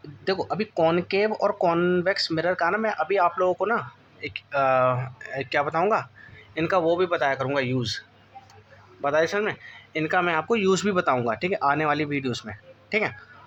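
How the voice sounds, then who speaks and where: A man coaching class ten students in physics, his fairly high voice carrying a frequent "okay?" as he checks that they follow. He reads English textbook lines slowly and deliberately, with an Indian English accent. The recording is slightly dull, with a faint hum behind him. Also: fairly bright tone. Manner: addresses students as beta, repeats "theek hai" often; asks students rhetorical check questions. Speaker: physics tutor. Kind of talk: board-exam coaching lesson.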